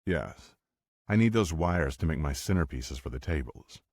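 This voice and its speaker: A male narrator voicing a gentle, eager young man in an audiobook romance. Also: extremely low pitch, expressive, moderate pace, no room sound, studio quality, heavily acted.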